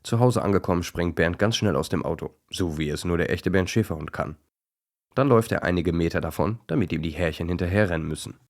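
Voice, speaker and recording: Deep-voiced man telling a children's story. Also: fast talker.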